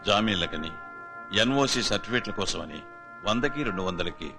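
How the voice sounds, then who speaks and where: An authoritative pragmatic judge. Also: male voice, lowish voice, expressive, a little fast. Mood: stern. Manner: authoritative, advising. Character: authoritative middle-aged male judge, pragmatic. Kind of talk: film dialogue. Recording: film soundtrack with music.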